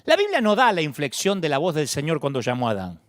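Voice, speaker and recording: Preacher, male, fairly high and animated voice, dramatic delivery, dry sound. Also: fast, no echo. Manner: dramatic, shifts from booming calls to hushed murmurs. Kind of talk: sermon.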